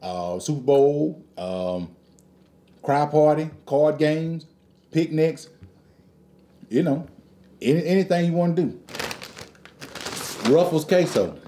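A man's voice: on the high side, animated, takes it slowly, pauses often, dark tone. A middle-aged man chatting casually and playfully as he hosts a snack review at home. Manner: joking, playful, chuckles as talking. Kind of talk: casual food review chat. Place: living room at home, indoors.

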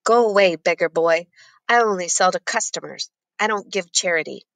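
A woman voicing a loud, hard, stingy female egg seller in an audiobook who talks dismissively. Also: on the low side, moderate pace, no echo. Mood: scornful. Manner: bellowing, dismissive.

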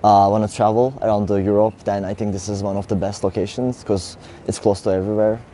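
Low, mellow young man from Turkey. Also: flat delivery, slight background noise. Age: young adult. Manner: hesitant, many pauses. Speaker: master's student. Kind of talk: short interview answers. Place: outdoor city square.

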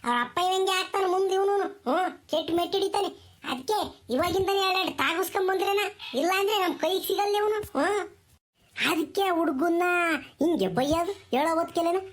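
Woman as high-voiced nagging village mother, rural Tumakuru Kannada, comedy skit. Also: a little fast. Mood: complaining. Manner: nagging, scolding, rhythmic village talk. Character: scolding village mother, strict and sharp-tongued.

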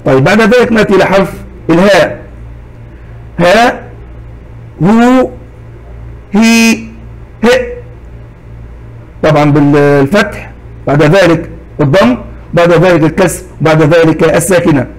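A man teaching a recorded lesson to young children, slow and patient, saying each example word twice. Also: high-pitched, low-quality recording.

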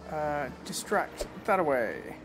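A man's voice: a little high, very animated, background noise. Chatty man streaming a game. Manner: chatty, reacting with quick exclamations. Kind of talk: live gameplay commentary. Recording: game music playing behind.

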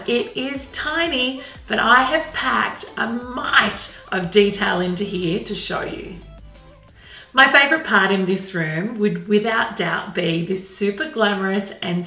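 A woman's voice: mid-range voice, pushed and bright. Gushing woman in an echoey room. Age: middle-aged. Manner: gushing, emphatic. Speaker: renovation show host. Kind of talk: makeover reveal presentation. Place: small indoor tiled hallway. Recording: echoey room, faint background noise.

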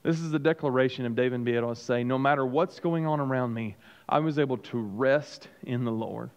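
A man's voice: mid-range voice, fairly quick, clear, resonant tone. A man leading a Bible study, talking informally with many fillers and sharing from his own life. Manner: conversational, many "uh" and "you know" fillers. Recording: lo-fi with long reverb.

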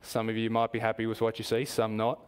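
A man with an Australian accent preaching a sermon in a church, measured and explanatory, asking the congregation questions. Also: lowish voice, monotone, clean tone.

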